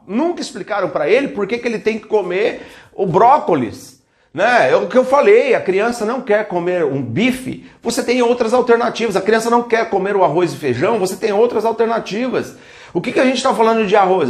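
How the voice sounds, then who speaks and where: A man giving casual parenting advice, animated and acting out quotes between parents and children. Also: high-pitched.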